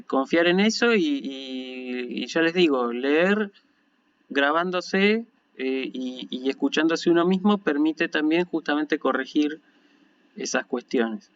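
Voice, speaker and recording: A man's voice: fairly high pitch, a bit bright, clean tone, dry recording. A man with an Argentine Spanish accent giving an online university lecture, explaining patiently and often checking in with listeners. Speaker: university lecturer in Ancient Greek. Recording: dull lo-fi recording.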